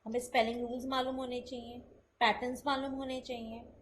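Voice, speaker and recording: High-voiced woman teaching a language lesson. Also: flat delivery, a bit bright, a little hiss or hum, rough recording. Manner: explains step by step in Hindi mixed with English; models sentences slowly for contrast. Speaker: English teacher. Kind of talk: spoken English lesson.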